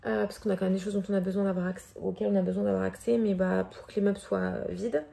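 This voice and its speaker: A woman's voice: mid-range voice, level tone, fast, vocal fry, warm tone. A woman in her thirties from France with a French accent, chatting casually in a vlog with many hesitations and fillers. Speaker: vlogger.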